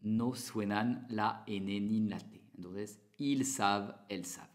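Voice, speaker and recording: Casual lesson guy, teaching in spanish, takes it super slow. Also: fairly low pitch, steady tone. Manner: slow, deliberate, repeats words for practice. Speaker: French teacher. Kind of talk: slow lesson with repeated conjugation drills.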